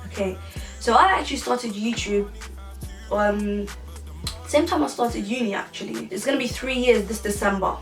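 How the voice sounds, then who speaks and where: A woman's voice: fairly high pitch, moderate pace, far from the mic. Chatty young woman, echoey room. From England. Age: 20s. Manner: chatty and rambling, frequent restarts. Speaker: YouTuber. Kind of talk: casual Q&A vlog. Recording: echoey room, voice a bit off-mic, music behind.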